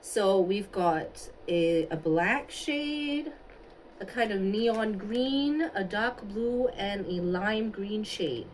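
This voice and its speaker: Unhurried woman chatting through a makeup livestream. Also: medium pitch, animated, slight background noise, low-quality recording. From Singapore. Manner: chatty, thinking aloud, answering chat comments. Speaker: beauty livestreamer. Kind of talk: casual livestream chat while doing makeup. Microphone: phone on a stand.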